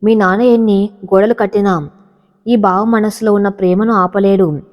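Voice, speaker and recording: A devoted young village farmer, earnest and reassuring, as a woman narrator voices him in an audio storybook. He speaks in a mid-pitched voice, and the dull-sounding recording carries a long hall-like reverb. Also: steady tone, normal speed, a little mellow, natural voice. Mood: tender. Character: devoted young male farmer, gentle and protective.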